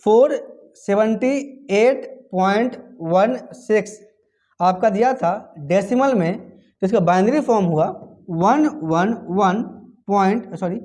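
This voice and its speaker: A man's voice: high voice, measured pace, darkish tone. A male teacher giving a classroom lecture, asking questions and answering them himself, chanting times tables aloud. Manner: call-and-response questioning, answering his own questions.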